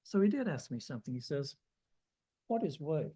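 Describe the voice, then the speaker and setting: Older man with a mellow voice. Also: a little high, very animated, normal speed, breathy edge, rough recording. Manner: folksy, self-deprecating anecdotes. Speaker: guest preacher. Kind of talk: storytelling sermon.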